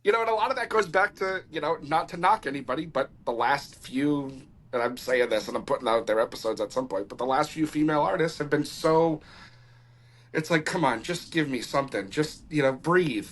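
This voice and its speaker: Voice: medium pitch, lively intonation, fairly quick, fairly bright tone. A podcast host talking in a laid-back, casual way, full of "you know" and "right".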